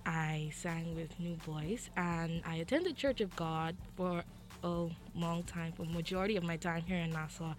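A woman's voice: fairly low pitch, measured pace. A young woman from the Bahamas with a Bahamian accent, a singer answering interview questions earnestly in a radio studio. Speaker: guest singer.

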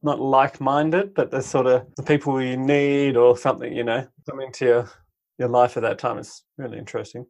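A man's voice: medium pitch, flat delivery, fairly quick, creaky, darkish tone. A man hosting a casual chat, musing reflectively on what his guest said.

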